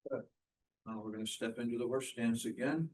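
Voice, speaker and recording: A man instructing a qigong class, giving measured step-by-step movement cues in short, spaced phrases. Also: medium pitch, a little mellow, poor audio.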